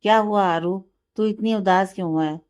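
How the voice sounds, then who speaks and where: A woman's voice: medium pitch, normal speed, close to an everyday voice. A woman voicing a cheerful caring sister-in-law. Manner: warm, encouraging.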